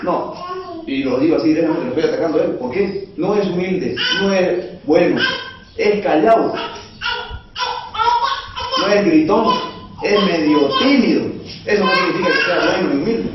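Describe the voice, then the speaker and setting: A man's voice: on the high side, moderate pace, long pauses, noisy background. A male preacher, giving a conversational sermon and asking the congregation rhetorical questions. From Bolivia. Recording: echoey, dull sound from far off.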